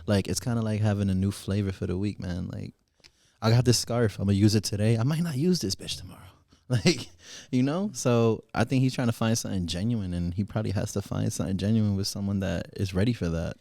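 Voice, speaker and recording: A man co-hosting a podcast in casual chat, talking bluntly and crudely, telling stories with animated asides. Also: lowish voice, a little fast, creaky, no room sound, studio quality. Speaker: podcast co-host.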